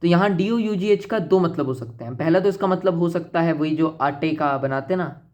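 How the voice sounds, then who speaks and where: A male teacher giving a casual literature lesson in mixed Hindi and English. He chats and jokes, then reads each English example slowly and carefully. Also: a little high, darkish tone.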